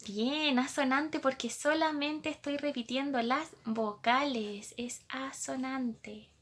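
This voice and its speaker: A woman's voice: sits high, steady tone, takes it slowly, a bit bright. A woman teacher, patiently explaining a lesson to young pupils and asking them questions as she goes.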